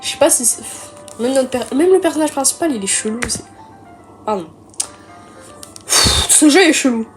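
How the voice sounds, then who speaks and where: A woman's voice: high voice, animated, normal speed. A woman streamer reading a visual novel aloud with casual, joking asides, with game music behind her. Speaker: let's play streamer. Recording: music playing underneath.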